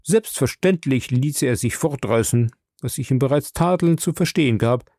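A man voicing a shrewd, suave investigator who talks in a measured, diplomatic way. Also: mid-range voice, dark tone, dry recording, lightly acted.

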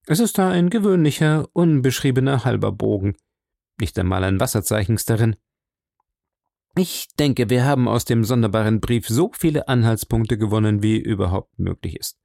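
A keen, probing detective who presses his questions with lifted emphasis, as an audiobook reader puts him on. The voice is gravelly and sits at a middle pitch. It is recorded dry and close. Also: expressive, moderate pace, warm tone, no echo. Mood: inquisitive. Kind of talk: audiobook character reading.

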